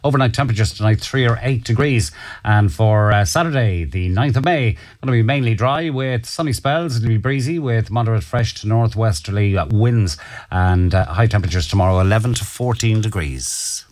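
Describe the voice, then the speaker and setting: Lowish man giving a weather forecast. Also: fairly quick, darkish tone.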